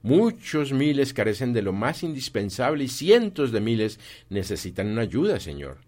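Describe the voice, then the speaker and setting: A man doing a courteous, formal gentleman. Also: medium pitch, very animated, moderate pace. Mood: polite. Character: polite, stout male gentleman collecting for charity. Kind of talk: audiobook reading.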